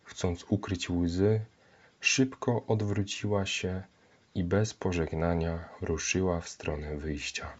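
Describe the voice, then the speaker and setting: Deep, slow-spoken male narrator. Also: steady tone. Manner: measured, solemn reading. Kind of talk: scripted historical narration. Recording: dull lo-fi recording.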